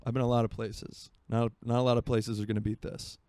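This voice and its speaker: A man's voice: mid-range voice, little pitch movement, a little fast, a little mellow, clean tone. A man in his twenties from Florida, hosting a solo podcast in rambling, self-mocking casual chat from his home by a marina. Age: 20s. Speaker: podcast host.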